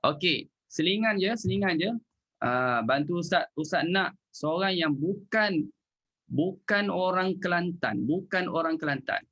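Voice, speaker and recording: A man with a Malaysian Malay accent teaching Quran recitation in an online class, recites verses slowly and explains casually. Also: high-pitched, animated, pushed and bright, dull audio. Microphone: video call.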